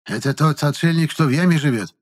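A man's voice: fairly high pitch, quick pace, voice pushed up, lightly acted. A man voicing a shrewd old village fortune-teller woman who probes, commands and grieves in turn. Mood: probing. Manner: sharp, probing, commanding, then grieving.

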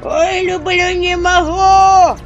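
A woman's voice: very high voice, little pitch movement, slow, pitched above the performer's own voice. A woman doing a bellowing lovesick old grandpa. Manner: hollering, yelling. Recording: dull lo-fi audio with faint music.

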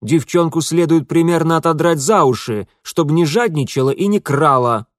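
A man's voice: on the high side, moderate pace, no echo, studio quality, pitched above the performer's own voice, lightly acted. A man voicing an arrogant, irritated young cavalry lieutenant who talks scornfully.

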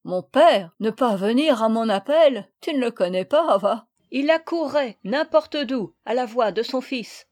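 A woman's voice: on the high side, measured pace, few pauses, warm tone, lightly acted. A woman reading a brave, earnest boy. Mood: spirited.

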